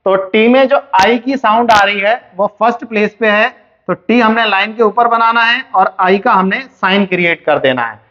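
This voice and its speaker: A man's voice: high voice, moderate pace, pushed and bright. A man teaching shorthand in a classroom lesson, explaining step by step and asking and answering his own questions. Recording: dull, muffled lo-fi recording.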